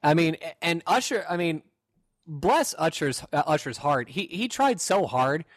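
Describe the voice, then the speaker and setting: A man's voice: on the high side, lively intonation, unhurried, dry recording. Chatty man on a dry close mic. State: hiccups. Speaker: podcast co-host. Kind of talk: casual chat.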